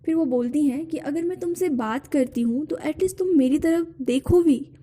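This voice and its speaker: High, mellow-voiced woman teacher. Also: moderate pace. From India. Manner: explanatory, repeats and paraphrases with tag questions. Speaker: English teacher. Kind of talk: poetry lesson explained line by line.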